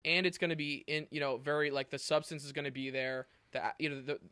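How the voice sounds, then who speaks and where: A man co-hosting a podcast in casual chat, talking in an excitable, emphatic way and cursing often. His voice has a very bright, cutting edge and sits a bit high, with a dry, close sound. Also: fast talker, clean tone, dry recording. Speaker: podcast co-host.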